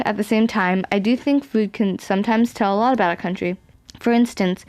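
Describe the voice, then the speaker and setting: A woman's voice: medium pitch, a little mellow, smooth. A teenage girl, a student, narrating a reflective personal essay over her footage. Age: teens.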